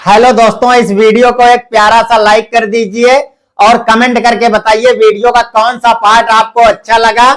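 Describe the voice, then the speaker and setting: A man telling a string of short jokes in a measured storytelling delivery, over faint background music. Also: very high voice, flat delivery, fairly bright tone. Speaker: joke teller. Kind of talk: narrated joke telling.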